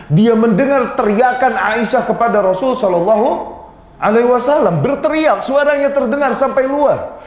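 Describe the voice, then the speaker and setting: A man's voice: high voice, darkish tone. A man preaching an Islamic sermon, telling stories animatedly, acting out quoted dialogue and reciting Arabic passages. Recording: roomy hall sound.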